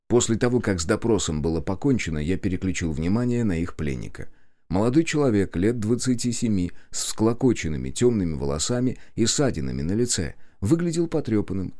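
A man narrates a fantasy audiobook in the first person. His voice sits low and mellow. His intonation moves in lively arcs.

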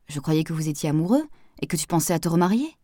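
A woman reading the lines of a sardonic, touchy man in a novel, in a low, dry voice. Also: expressive, fast, no echo. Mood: wry. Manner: sardonic, touchy, then sharp. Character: gruff reserved man, Pascal's brother.

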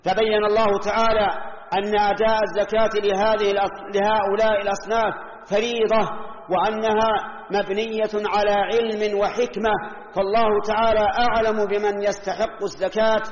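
A man's voice: high voice, little pitch movement, brisk. An older man from Saudi Arabia giving a Friday sermon in a mosque, explaining rules point by point with worked examples. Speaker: preacher. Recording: echoey hall, lo-fi old recording.

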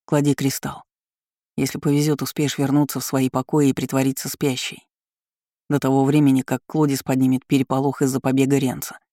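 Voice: mid-range voice, completely flat delivery, a little fast, mellow, dry recording, clean studio sound, lightly acted. Ainon, a reader doing a stern, commanding male steward. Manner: firm, clipped orders.

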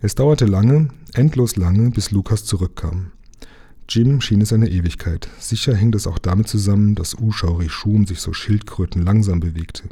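A man reading a children's book aloud in an even storytelling manner. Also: fairly low pitch, normal speed, husky. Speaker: reader.

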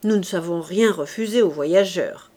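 A woman's voice: fairly low pitch, moderate pace, mellow, close to an everyday voice. A woman voicing an obsequious male innkeeper in an audiobook. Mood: fawning.

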